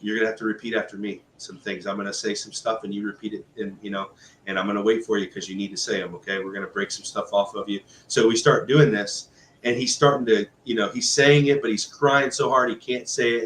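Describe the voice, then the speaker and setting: A man telling a story in a casual, lively way, with many fillers and acted-out quotes. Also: lowish voice, a little fast. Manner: animated, conversational, full of fillers and quoted speech. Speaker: guest telling a testimony. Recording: roomy echo with faint background noise.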